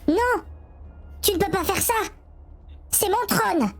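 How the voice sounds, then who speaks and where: Possessed little demon tyrant, tabletop role-play, piercingly high, creaky, frantic, possessive, music underneath. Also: male voice, animated, slow, full character voice. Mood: frantic, outraged. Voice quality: creaky, shrill. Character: shrinking demon tyrant, shrill, panicked, possessive.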